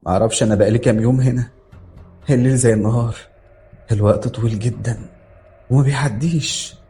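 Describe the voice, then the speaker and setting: Fast, dark-voiced Egyptian male narrator. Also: mid-range voice, fairly even intonation. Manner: dramatic, tense reading. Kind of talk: scripted horror story narration. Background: faint background music.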